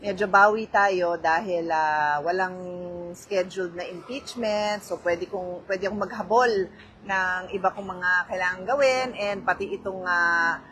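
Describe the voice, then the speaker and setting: A woman's voice: on the low side, unhurried, fairly bright tone, a little hiss or hum, rough recording. A middle-aged woman with a Filipino accent talks casually into her phone during a live stream. She drifts easily between Filipino and English, greets viewers by name, and chats about her day. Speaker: vlogger hosting a phone livestream. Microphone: handheld phone.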